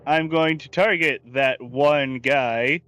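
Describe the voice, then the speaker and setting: Man, bright forceful voice, fairly high, casual tabletop player, mild swearing, faint music. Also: takes it slowly, clear, resonant tone. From California. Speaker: player in a tabletop role-playing game. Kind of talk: casual game chat.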